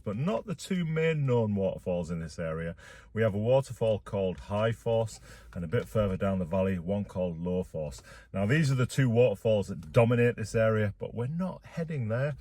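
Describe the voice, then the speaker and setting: A man's voice: lowish voice, a little mellow. A man chatting casually and directly to his viewers as a vlog host, sitting inside a car. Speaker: vlogger, YouTube host. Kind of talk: casual vlog talk to camera.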